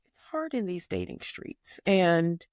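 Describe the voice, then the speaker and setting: A woman's voice: fairly low pitch, wildly swooping pitch, slow, a little mellow, no echo, clean studio sound. A middle-aged woman co-hosting a podcast, telling stories with slangy phrasing and emphatic repeats. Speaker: podcast co-host. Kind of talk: casual chat.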